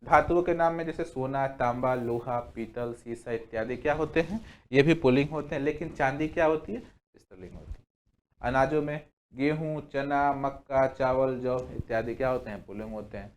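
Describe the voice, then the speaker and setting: Man, grammar teacher, medium voice, asks questions then answers them, slow word-by-word lists, exam-prep lesson. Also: medium pitch. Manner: asks the class questions and answers them himself, repeats "ठीक है" often; lists examples slowly, word by word.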